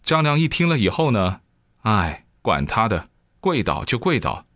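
Male preacher, lively storyteller, exclamatory, lowish voice, dry sound. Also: moderate pace, no echo. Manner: animated storyteller with frequent exclamations. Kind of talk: storytelling dharma talk.

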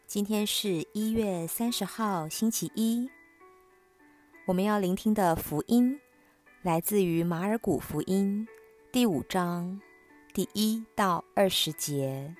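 A woman hosting a prayer program, reading scripture in a measured, solemn way. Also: lowish voice, a little mellow.

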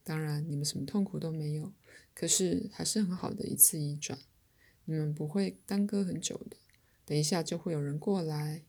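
A calm, knowing spirit guide, voiced by a woman reading a story aloud, speaks gently and reassuringly. The voice sits low with a husky, gravelly grain. It sounds like a storybook narrator settling into the role rather than a showy character voice. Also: normal speed.

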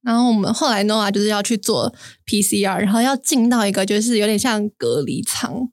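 A woman's voice: medium pitch, fairly quick, dry recording, studio quality. A young woman, chatting casually and telling a story with lots of fillers and restarts.

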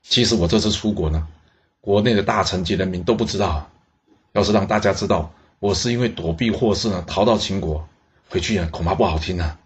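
A man's voice: sits low, a little fast, husky. A man voicing a stern ruler who speaks coldly and with command. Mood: persuasive. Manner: cold, commanding. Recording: dull lo-fi recording.

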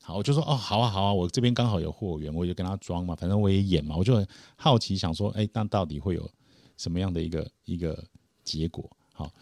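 A man casually telling a personal story on a podcast, animated and acting out the people he quotes. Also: deep voice, fast talker, no echo, clean studio sound. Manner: animated, acts out quoted voices.

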